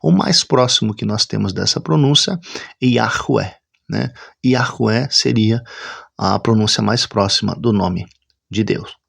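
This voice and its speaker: A man explaining a Bible topic in an unhurried teaching manner, often checking in with "né?". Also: fairly low pitch, vocal fry, fairly bright tone. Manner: unhurried and explanatory, with frequent "né?" tag questions.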